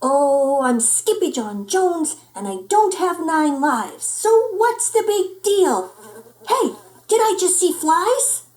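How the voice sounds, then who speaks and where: An excitable little boy kitten from a storybook, acted out by a woman. The voice is high and bouncy, with big swings in pitch. It is boastful and theatrical, tipping into singsong. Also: slow pace, heavily acted, low-quality recording. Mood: excited, carefree. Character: excitable, cocky little boy Siamese kitten playing chihuahua. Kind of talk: children's storybook character voice.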